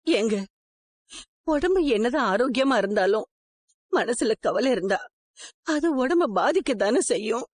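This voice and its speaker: A middle-aged actress playing a gentle, worried mother who soothes her sick husband and pleads with their daughter in a TV serial. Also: on the high side, animated, a little slow, long pauses, no room sound. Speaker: wife and mother. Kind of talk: TV serial acting.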